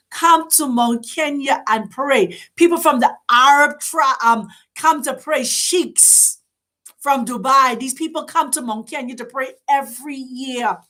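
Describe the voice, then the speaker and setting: A woman's voice: high voice, a bit bright. A woman hosting, giving an impassioned spiritual address full of rhetorical questions and urgent appeals to her listeners. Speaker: host.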